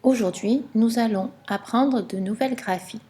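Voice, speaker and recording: A woman teaching a reading lesson to young children, explaining slowly and clearly with patience. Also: medium pitch, expressive.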